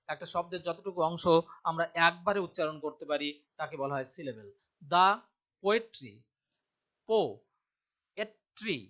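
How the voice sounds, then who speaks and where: A man teaching a poem to students, reading quoted lines slowly with emphasis. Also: on the high side, bright, forceful tone. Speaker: literature teacher. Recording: dull lo-fi sound.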